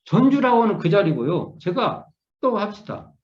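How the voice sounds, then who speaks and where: A middle-aged Won Buddhist minister teaches scripture in an online lecture, musing his way through the explanation with frequent restarts and repeated key words. His voice is high-pitched with big swings in pitch, at a moderate pace. The room echoes, and the lo-fi sound comes across dull.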